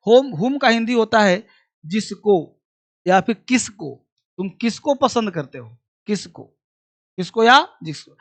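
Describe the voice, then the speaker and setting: A man's voice: high-pitched, a bit bright. Male grammar tutor, exam coaching, familiar with students, repeats lines for dictation. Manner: repeats key points like dictation; addresses students familiarly as son and kid. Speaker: English grammar teacher. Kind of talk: exam-prep lesson.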